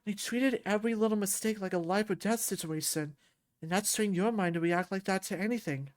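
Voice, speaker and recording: Woman playing a soft-spoken male therapist. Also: medium pitch, close to an everyday voice. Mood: gentle. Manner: soft, soothing, slow and earnest. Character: gentle, caring male therapist.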